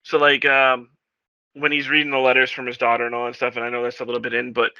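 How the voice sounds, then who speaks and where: A man co-hosting a movie podcast, talking in an animated, mocking way with quick laughs. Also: medium pitch, no echo. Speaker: podcast co-host. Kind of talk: casual movie chat. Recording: dry, dull lo-fi mic.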